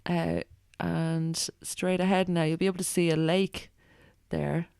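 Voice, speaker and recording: A woman's voice: lowish voice, flat delivery, unhurried, gravelly, darkish tone, clear, resonant tone, no echo, studio quality. An Irish woman chatting casually as a guest, in a hesitant, meandering way. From Ireland. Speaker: guest, stand-up comedian. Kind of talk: casual chat.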